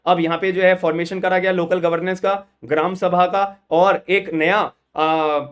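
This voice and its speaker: A man's voice: high voice, flat delivery, measured pace, clean tone. A man teaching an online law exam lecture, emphatic and repetitive, often asking the viewers questions. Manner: emphatic, repeats "thik hai ji", quizzes viewers.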